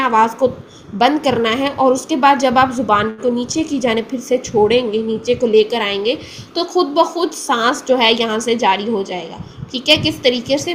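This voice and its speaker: A woman teaching Quran recitation, patiently explaining and repeating single sounds slowly for the learner to copy. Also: on the high side, a bit bright, slight background noise. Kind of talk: tajweed pronunciation lesson.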